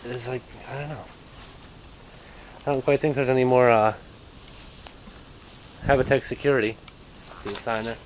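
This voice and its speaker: A man's voice: medium pitch, steady tone, normal speed, long pauses, a little hiss or hum, poor audio. A young man filming himself outdoors with a handheld camera, talking in a hesitant, uneasy way and trailing off mid-sentence. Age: young adult. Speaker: urban explorer vlogger. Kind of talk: handheld exploring vlog. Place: outdoors in an overgrown yard.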